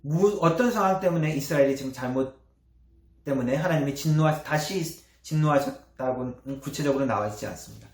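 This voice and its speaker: A man preaching a sermon as pastor, with earnest emphasis and soft trailing endings. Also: fairly high pitch, a little fast. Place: church sanctuary. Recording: echoey church hall.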